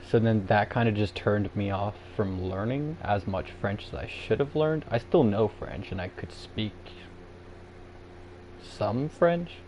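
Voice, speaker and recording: This Canadian streamer talks a little slowly in a lowish, slightly mellow voice that's still expressive. He rambles casually while answering viewers, with many fillers and restarts, on a low-quality recording with a little hiss or hum.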